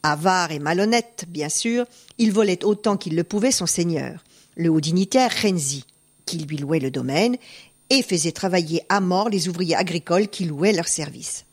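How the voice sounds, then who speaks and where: A woman reading a folk tale aloud as narrator, expressive and animated. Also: fairly low pitch, normal speed. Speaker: storyteller.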